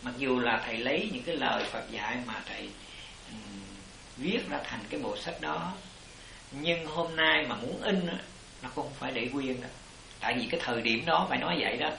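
A man speaks as a Buddhist teacher, his tone bright and forward. He explains in loose, repetitive sentences. The room adds a noticeable echo. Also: medium pitch, a little fast, gravelly, a little hiss or hum. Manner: rambling explanations, repeats "it" constantly. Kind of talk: dharma talk answering disciples.

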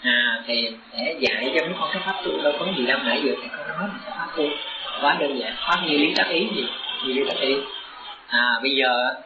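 A medium-pitched man speaks a little fast, preaching as a Buddhist teacher to his disciples in an earnest tone that turns urgent. The recording is very noisy, roomy and echoing, and dull and lo-fi.

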